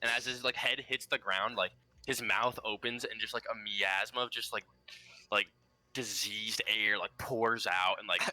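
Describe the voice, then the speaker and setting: A man's voice: lowish voice, steady tone, moderate pace, pushed and bright, no echo, poor audio. A man narrating a tabletop game as game master, in loose speech with a lot of "like.".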